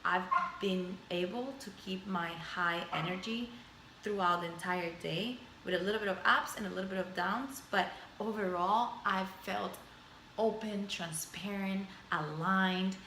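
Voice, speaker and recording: Speaking at a measured pace with a medium-pitched, pushed and bright voice, a Spanish-native woman in her thirties reflects aloud in her home video diary, rambling through lists and repeating herself. She records on a camera mic indoors, and the low-quality audio is reverberant with slight hiss or hum.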